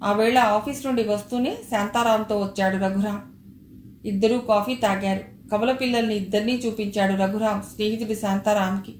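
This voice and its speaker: A woman narrating a story in a steady, expressive reading voice. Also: mid-range voice, normal speed, a little hiss or hum. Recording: echoey room with faint ambience.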